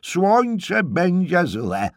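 A man voicing a deaf ninety-three-year-old woman who yells her weather predictions at the top of her lungs, in an audiobook reading. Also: sits high, big pitch swings, drawn-out words, no echo, clean studio sound, pitched above the performer's own voice, heavily acted. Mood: shrieking. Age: 90s.

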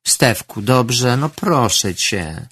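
A man's voice: medium pitch, very animated, very slow, a bit bright, husky, no echo, pitched above the performer's own voice, exaggerated voice. A man voicing a sly teenage girl in a read-aloud story, coaxing in a honeyed, superior way. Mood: wheedling. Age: about 13. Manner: condescending, then sweetly wheedling.

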